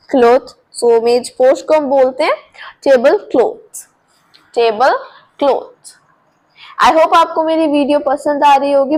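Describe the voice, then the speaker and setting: A woman teaching English vocabulary in a lesson, mixing in Hindi and repeating each word slowly for pronunciation. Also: sits high, low-quality recording. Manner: mixes Hindi with English words.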